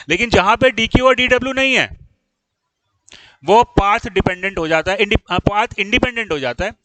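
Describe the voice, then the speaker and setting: A man's voice: high voice, sharp tone, dry recording, low-quality recording. A man teaching an engineering class, explaining step by step and often asking whether students follow. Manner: explains, then checks understanding with frequent questions; scolds students in exasperation. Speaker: engineering lecturer. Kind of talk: classroom lecture.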